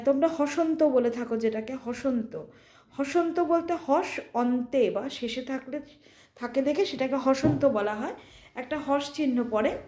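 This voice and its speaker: A woman's voice: sits high, mellow, reverberant. A woman teacher giving a casual classroom lesson, drawing out example words as she explains. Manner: conversational, drawn-out example words.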